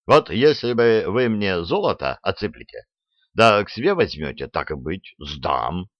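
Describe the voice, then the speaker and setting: A man's voice: low voice, very animated, unhurried, no echo, dull audio. A man voicing a cunning, sly male double agent who tells his story with boastful relish.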